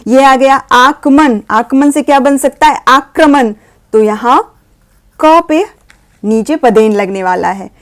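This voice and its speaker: A woman patiently explaining a grammar lesson to parents, slowly sounding out letters. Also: on the high side. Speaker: teacher guiding parents.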